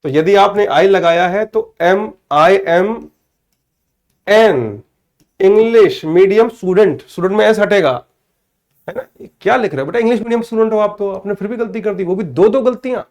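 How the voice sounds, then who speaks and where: A man with an Indian accent teaching an online English grammar class, calling students by name, checking they follow, and saying English phrases slowly word by word. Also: high-pitched, darkish tone. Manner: addresses students by name, asks "clear?" often; mixes Hindi with slow, spelled-out English.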